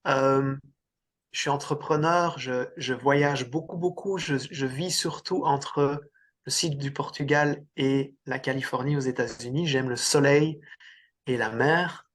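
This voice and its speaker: A man's voice: mid-range voice, unhurried. A middle-aged man from Belgium, a coach talking about his career in a casual interview, hesitant with frequent restarts. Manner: hesitant, many restarts and fillers. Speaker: coach and speaker, interview guest.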